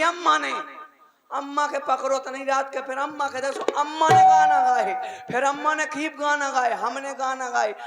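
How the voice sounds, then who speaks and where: A man with a Bundeli accent telling a comic story on stage, acting out the voices of family members and getting loud at times. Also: high-pitched. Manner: animated, acts out voices, gets shouty. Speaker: comic performer. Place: outdoor stage show with crowd.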